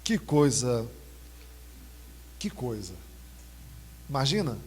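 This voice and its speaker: A man preaching a sermon in a Brazilian accent, reading scripture slowly and then telling stories animatedly. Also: medium pitch, big pitch swings, a little mellow, slight background noise. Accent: Brazilian Portuguese. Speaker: pastor. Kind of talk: expository sermon with personal anecdotes.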